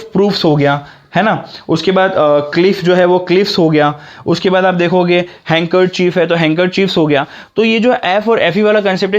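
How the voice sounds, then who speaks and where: High-voiced man teaching grammar. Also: lo-fi sound. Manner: explains step by step, asks himself questions. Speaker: English teacher. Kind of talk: classroom grammar lesson.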